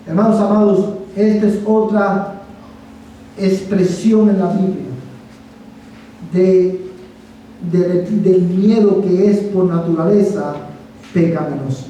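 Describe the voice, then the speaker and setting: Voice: mid-range voice, fairly even intonation, takes it slowly, long pauses, mellow, slight background noise. Emphatic preacher, rhetorical questions, big echoey sanctuary, distant mic. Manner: addresses listeners as brother. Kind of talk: sermon. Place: church sanctuary.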